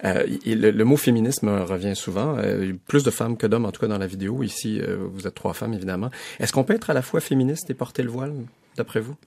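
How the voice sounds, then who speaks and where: A man with a Québécois accent hosting a radio interview, asking halting questions full of fillers. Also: on the low side, gravelly, darkish tone, dry recording. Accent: Québécois French. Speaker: radio host. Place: radio studio.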